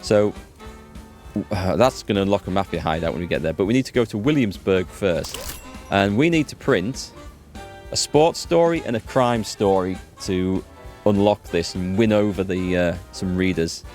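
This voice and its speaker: A gaming video host gives casual let's play commentary, explaining things and thinking aloud as he goes, with music playing behind him. His voice is low-pitched and a little mellow, at a moderate pace.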